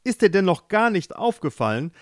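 A man voicing an irritable, blustering middle-aged king who shouts in exasperation. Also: high-pitched, very animated, fairly quick, no room sound, studio quality, voice pushed up. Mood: exasperated.

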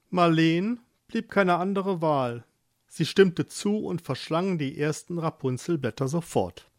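Slow expressive storybook narrator. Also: medium pitch. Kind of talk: storybook reading.

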